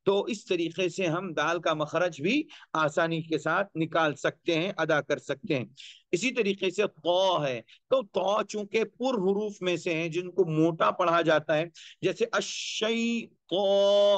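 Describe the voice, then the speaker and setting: A man with a high voice gives a tajweed lesson at a slow, unhurried pace, drawing out each Arabic letter and repeating it to demonstrate. He points out his own teeth and tongue as he explains. The recording is dry and close, with no room sound. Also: no echo. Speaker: Quran recitation teacher.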